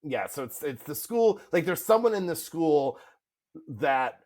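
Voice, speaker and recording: A woman's voice: low voice, sing-song, measured pace, a little mellow. A middle-aged woman co-hosting a podcast in casual chat, laughing often and telling stories with animation. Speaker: podcast co-host.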